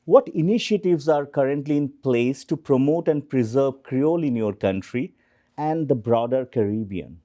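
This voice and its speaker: Male host, mid-pitched and very mellow, polite, hesitant delivery of interview questions. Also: animated, normal speed.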